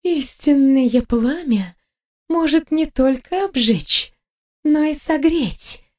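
A woman voicing a wise male fire salamander spirit who speaks in a slow, hissing, measured way. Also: high voice, expressive, a little mellow, pitched above the performer's own voice.

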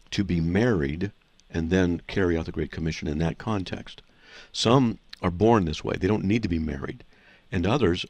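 A man with a deep, darkish voice and no echo hosts a call-in radio show answering Bible questions. He explains scripture to callers in an assertive, teaching manner.

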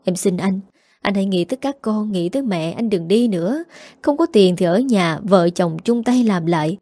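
A woman's voice: medium pitch, lively intonation, normal speed, mellow, no room sound, clean studio sound, natural voice. A woman voicing a grieving, pleading older wife. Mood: pleading grief. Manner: choked, imploring.

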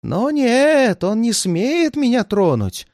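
A man's voice: extremely high pitch, very animated, takes it slowly, darkish tone, no echo, clean studio sound, pitched above the performer's own voice, full character voice. A man voicing a frightened, paranoid old man who pleads in a shaky, tearful voice. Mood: frantic, fearful. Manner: frantic outbursts, near tears.

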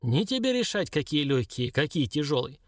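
A man's voice: fairly high pitch, sing-song, normal speed, no room sound, studio quality. A man reading an audiobook, voicing a stern, cold old woman shaman who questions curtly. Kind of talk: audiobook character voice.

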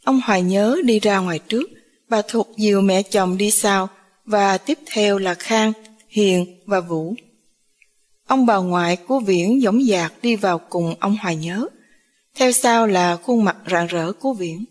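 A woman narrating an audiobook story in a steady, measured reading. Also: medium pitch.

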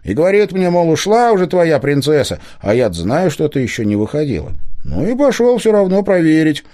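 A man voicing a plucky schoolboy in an audiobook, telling his story in a chatty, animated way. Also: fairly high pitch, brisk, voice pushed up. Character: eager schoolboy, friendly and plucky. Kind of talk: audiobook character voice.

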